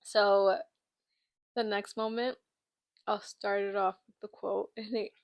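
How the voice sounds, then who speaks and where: A woman's voice: medium pitch, flat delivery, takes it slowly. A young woman co-hosting a casual book chat, quoting scenes and riffing on them with playful indignation. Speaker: book podcast co-host.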